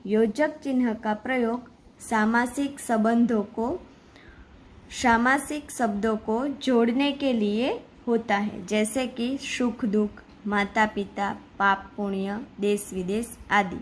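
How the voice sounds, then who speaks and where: Woman teacher, slightly high voice, very slow, faint background hiss. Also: fairly even intonation, rough recording. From Gujarat. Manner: slow, patient explaining, reading examples aloud. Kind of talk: Hindi grammar lesson.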